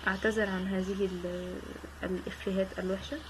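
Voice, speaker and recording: A woman's voice: mid-range voice, flat delivery, brisk, background noise. A woman with an Egyptian Arabic accent giving casual, joking let's-play commentary and chatting with her viewers. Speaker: gaming channel host.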